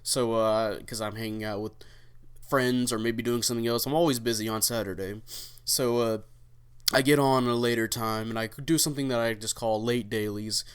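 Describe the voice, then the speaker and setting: A young man hosting his own channel, giving relaxed, rambling commentary over his gameplay with many fillers and casual swearing. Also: mid-range voice, moderate pace, smooth. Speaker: gaming channel host.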